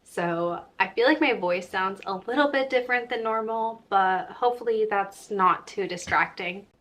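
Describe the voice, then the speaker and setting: Speaking at a moderate pace, a young crochet vlogger talks to her audience in a chatty, informal way. She has a medium-pitched voice with a fairly bright tone.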